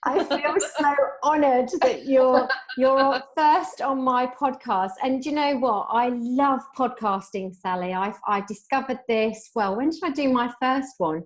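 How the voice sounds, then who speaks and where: A woman's voice: high-pitched, unhurried, few pauses. A woman hosting a conversational podcast, enthusiastic and effusive as she introduces and questions her guest. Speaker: podcast host, business coach. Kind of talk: casual interview chat.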